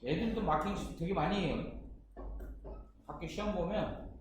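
A man tutoring exam-prep math, chatty and lively, forever checking that the learner follows along. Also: sits high, moderate pace. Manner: keeps checking understanding with short questions. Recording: echoey room with distant mic and noise.

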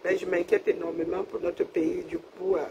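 A woman's voice: lowish voice, little pitch movement, normal speed, background noise. A woman from Cameroon, chatting casually on a livestream, laughing often and thanking her viewers. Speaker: livestream host. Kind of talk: casual live chat with viewers.

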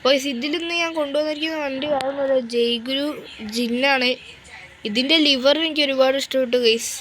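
Woman gamer, slightly high, casual play-by-play over loud game engine noise. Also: fairly even intonation, fairly quick, rough recording. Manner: chatty, often cries out at near crashes. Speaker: gaming YouTuber. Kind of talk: casual gameplay commentary. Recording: clear game vehicle noise under voice. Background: bus engine and traffic game sounds.

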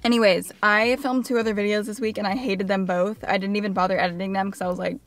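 A woman vlogger chatting straight to her audience in a loose, rambling way. She jumps between thoughts and often cuts herself off mid-sentence. Her voice sits at an everyday middle pitch. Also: steady tone, fast. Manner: chatty, rambling, self-interrupting. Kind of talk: casual vlog chat.

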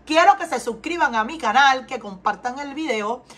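A woman's voice: high-pitched, animated, normal speed, a bit bright. A Cuban woman with a Cuban Spanish accent, giving an earnest tarot reading to her viewers and often asking them questions. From Cuba. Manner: earnest, repeats questions and asks viewers to respond. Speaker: tarot reader. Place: home in Texas.

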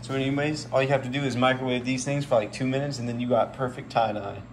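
A man's voice: medium pitch, fairly even intonation, fast. A young man hosting a casual vlog, upbeat and joking as he narrates. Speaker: vlogger. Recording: noisy background.

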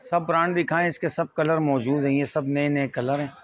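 Higher-voiced Pakistani shop salesman, repetitive pitch. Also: steady tone, normal speed, dry recording. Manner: repetitive, price-quoting salesman's patter. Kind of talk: informal sales pitch to camera. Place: small fabric shop indoors. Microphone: lapel mic. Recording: dull, muffled lo-fi audio.

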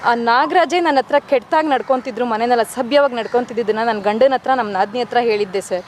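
A woman's voice: a little high, fast talker, a little hiss or hum. A woman in her forties, a widow, making a complaint to news reporters in an urgent, pleading way and calling the reporter sir again and again. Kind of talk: news interview statement.

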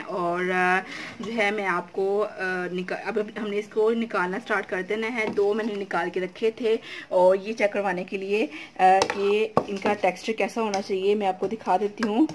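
A woman talks through a home cooking tutorial one step at a time, her voice in a medium register. She pauses often on little fillers as she explains. The recording is noisy, with a clear hiss of home ambience behind her. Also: medium pitch, fairly even intonation. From Pakistan. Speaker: cooking channel host. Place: home kitchen.

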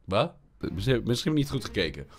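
A sick man with a low voice and a cough, chatting casually as a YouTuber reacting to funny videos. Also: a little fast. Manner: lively reactions, pushes voice high when emotional.

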